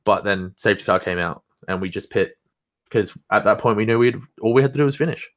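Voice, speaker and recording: Male interview guest, fairly low pitch, informal and talkative. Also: brisk. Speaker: championship-winning sim racer, interview guest. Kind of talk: casual interview recap.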